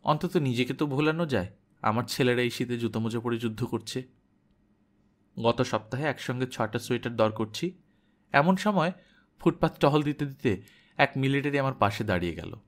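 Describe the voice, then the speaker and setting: A man narrating an audiobook in a measured first-person diary reading. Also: medium pitch, animated.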